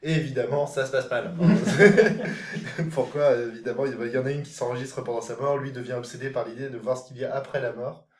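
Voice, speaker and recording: A man talks through a film in a relaxed panel chat, stopping often to search for words and breaking into laughter easily. His voice sits at a middle pitch, and the room around him adds a clear echo. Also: a little fast. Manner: hesitant, many fillers and restarts, laughs easily. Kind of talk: casual film discussion.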